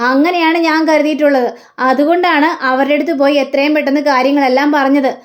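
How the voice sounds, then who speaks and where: A woman's voice: high voice, steady tone, fast talker, lightly acted. Woman voicing Sachi, a blunt defensive young man. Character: stubborn young man defending his actions.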